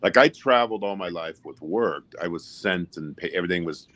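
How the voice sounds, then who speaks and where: Very deep-voiced man in his fifties. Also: fairly bright tone. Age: 50s. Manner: measured, encouraging. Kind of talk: casual chat.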